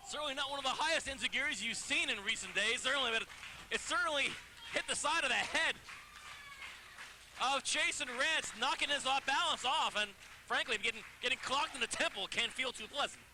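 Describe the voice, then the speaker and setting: A man with a very bright, forceful, high voice gives colour commentary on wrestling. He is wordy and wry, with faint venue ambience behind him. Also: fairly quick, slight background noise.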